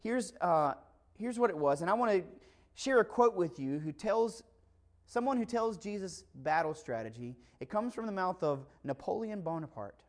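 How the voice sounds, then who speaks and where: A man's voice: high voice, expressive, moderate pace. A man preaching a conversational Christmas sermon, emphatic and full of rhetorical questions. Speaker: pastor.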